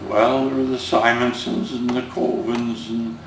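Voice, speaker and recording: In a mid-range voice with little pitch movement and a measured pace, an older Finnish-born American man reminisces haltingly for an oral history interview, full of fillers and restarts and with a Finnish-American accent. The home recording sounds noisy, roomy and far off.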